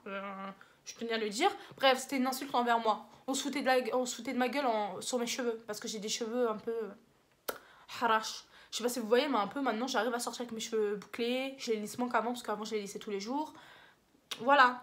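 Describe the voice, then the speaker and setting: Fast-talking slangy young French woman. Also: fairly high pitch, steady tone, a bit bright. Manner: rambling, slangy, self-mocking. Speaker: vlogger. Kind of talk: casual advice vlog.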